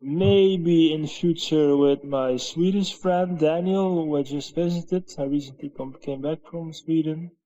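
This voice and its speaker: A man's voice: a little high, measured pace, few pauses, mellow, muffled recording. A Dutch-speaking man talking in English with a Dutch accent on a casual video call, hesitant and full of fillers. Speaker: music coach in training. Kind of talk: casual chat.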